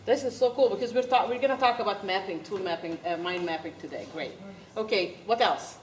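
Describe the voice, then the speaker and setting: A woman's voice: medium pitch, a little fast, a little hiss or hum. A woman from Egypt leading a live goal-setting workshop at a conference, chatty and laughing, asking the audience questions. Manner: lively, laughing, quizzes the audience. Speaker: workshop speaker. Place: conference room. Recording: echoey room, recorded from far.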